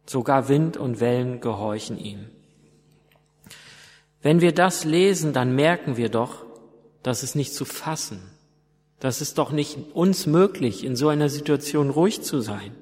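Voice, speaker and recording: A man preaching a sermon, retelling stories slowly and emphatically with dramatic pauses. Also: fairly high pitch, expressive, darkish tone. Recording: long hall reverb.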